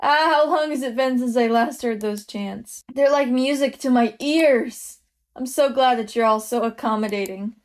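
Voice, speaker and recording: Woman doing a smug cute female idol, secretly an eldritch god, grandiose, looks down on everyone, fairly high voice. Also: normal speed, lightly acted. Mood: haughty.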